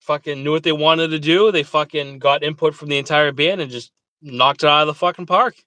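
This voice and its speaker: A man's voice: on the high side, fairly even intonation, fairly quick, pushed and bright, dry recording. A man co-hosting a podcast in casual chat, emphatic and swearing freely as he praises music. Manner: emphatic, profane, enthusiastic. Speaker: podcast co-host.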